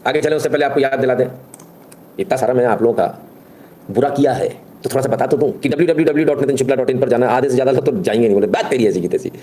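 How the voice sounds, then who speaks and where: Sarcastic, mellow-voiced male stream host. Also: medium pitch, very fast. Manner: mocking, sarcastic, chatty, addresses viewers directly. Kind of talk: sarcastic live commentary.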